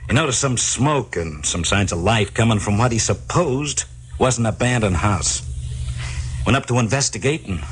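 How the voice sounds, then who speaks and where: A man plays an earnest, methodical police lieutenant in an old radio crime drama. The voice is fairly low, with some noise on the recording. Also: animated, normal speed, lightly acted. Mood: businesslike.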